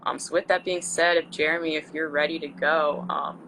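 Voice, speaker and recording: A woman's voice: sits low, steady tone, a little fast, background noise. A woman in her twenties from Central Maryland, hosting a casual live video interview and chatting encouragingly with her guest. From Central Maryland, USA. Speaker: host.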